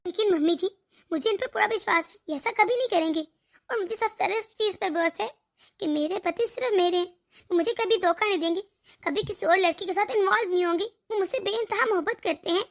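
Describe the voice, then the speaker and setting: A woman's voice: extremely high pitch, quick pace, creaky. A woman voicing a stubborn, indignant young married woman in a cartoon. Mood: earnest. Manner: indignant, complaining. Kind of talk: cartoon voice acting.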